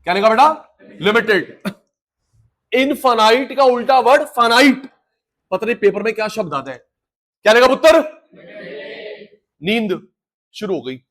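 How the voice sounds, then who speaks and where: High-voiced man drilling an economics class. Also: unhurried, long pauses. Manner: energetic, drills students with call-and-response repetition; mixes Hindi and English terms. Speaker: economics teacher. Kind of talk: live class lecture.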